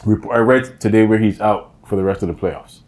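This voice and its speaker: A man's voice: on the low side, fairly quick, a little mellow. A man from Barbados co-hosting a podcast, chatting casually and often repeating words as he talks. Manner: easygoing, repeats words, acts out others. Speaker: podcast co-host. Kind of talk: casual chat.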